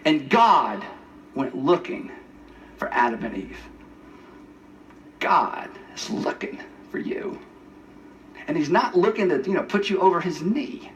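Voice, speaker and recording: A man gives a lively sermon in a bright, high voice. He plays out the lines of the people in the story with humor. He sounds a little distant from the mic in a large room. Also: slow, pauses often, highs cut off, a little hiss or hum. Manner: animated, playful, acts out the characters' lines. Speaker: pastor.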